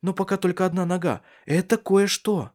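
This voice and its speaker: A man's voice: high-pitched, steady tone, moderate pace, darkish tone, pitched above the performer's own voice, close to an everyday voice. A man voicing an anxious, insistent young wife in an audiobook, pleading with pressing questions. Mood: eager. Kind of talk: audiobook character reading.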